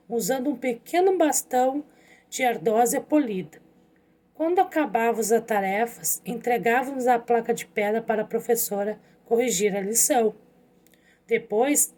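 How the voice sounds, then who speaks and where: A young woman teacher giving an online lesson to her pupils, speaking calmly and patiently as she reads a story aloud. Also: fairly high pitch. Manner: calm, patient, addresses pupils directly.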